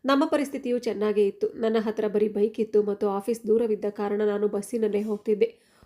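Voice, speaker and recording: A woman narrates a moral story in a steady, even reading voice, taking the characters' lines in the same plain manner. Her tone is mellow and somewhat dark, sitting at a middle pitch.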